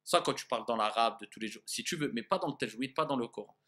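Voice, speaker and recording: Bright-voiced man teaching recitation. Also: mid-range voice, fast talker. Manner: patient, checks understanding often, demonstrates sounds aloud. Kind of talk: classroom lesson.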